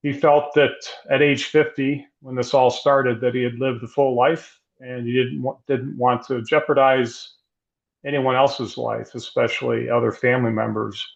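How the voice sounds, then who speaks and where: Middle-aged guy, gravelly voice, pretty monotone, thoughtful and measured, kinda muffled audio. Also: medium pitch. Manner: measured, thoughtful, with frequent restarts. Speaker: guest, emergency physician. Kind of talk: reflective interview conversation.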